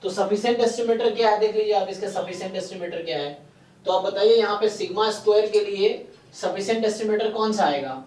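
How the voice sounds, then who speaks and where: A man giving a live statistics lecture, stepping through each idea slowly and often stopping to ask his students questions. He mixes English terms into Hindi with an Indian accent. The sound is roomy and a bit distant from the mic. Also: high-pitched, a little mellow. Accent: Indian English terms mixed into Hindi. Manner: slow, deliberate explanation with frequent checking questions. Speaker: statistics teacher. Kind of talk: live online exam-prep lecture.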